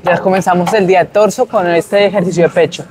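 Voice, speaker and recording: A young adult man with a high voice talks fast in a steady tone over crowd noise. As a fitness vlogger, he chats upbeat and casually to camera between sets in a large indoor gym, later on a shopping mall walkway.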